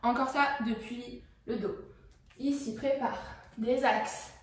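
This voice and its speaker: A young woman walks a student through a dance routine, calling out each move. She talks slowly and marks the beats with sung sounds. The room is very echoey. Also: fairly high pitch, fairly even intonation, slight background noise. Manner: counts out moves with sung sounds like "foum" and "poum"; sings along in English during the run-through. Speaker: dance teacher. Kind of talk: dance tutorial instruction. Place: dance studio. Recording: echoey dance studio, mic far off.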